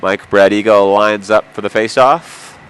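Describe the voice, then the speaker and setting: A man's voice: fairly low pitch, steady tone, measured pace, clean tone. Nasal man calling local hockey. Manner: jokey, chatty asides. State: nasal from a cold. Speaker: play-by-play commentator. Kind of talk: amateur hockey play-by-play. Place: indoor sports arena.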